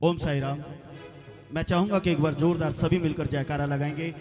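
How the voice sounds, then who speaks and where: A man's voice: fairly high pitch, steady tone, fairly quick, darkish tone, faint music behind. A man hosting a live devotional concert on stage, rousing the crowd into chants and applause. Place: large auditorium, live event. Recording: long hall reverb from live auditorium.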